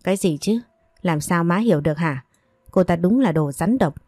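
A woman's voice: lowish voice, animated, moderate pace, darkish tone, dry recording, studio quality. A woman voicing a bitter, domineering old mother. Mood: spiteful. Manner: scolding, self-pitying wails. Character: bitter domineering older mother, landowner's wife.

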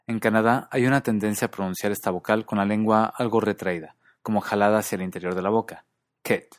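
A man narrating a scripted lesson on English accents, calmly demonstrating vowel sounds. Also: on the low side, quick pace, no echo, clean studio sound. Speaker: host of a linguistics video series.

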